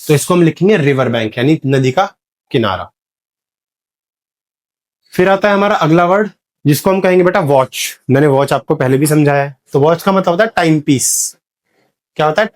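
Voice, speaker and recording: A man teaching English vocabulary in Hindi. He asks the class questions, says "clear hai?" often, calls students "beta", and reads English example sentences slowly. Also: fairly high pitch. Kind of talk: classroom lecture.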